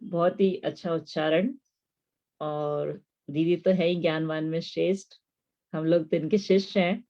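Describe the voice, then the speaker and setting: A woman's voice: low voice, fairly even intonation, measured pace, warm tone. Woman religious teacher, explanatory lecture voice with rhetorical questions, slightly dull lo-fi audio. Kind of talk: devotional lesson on mantras.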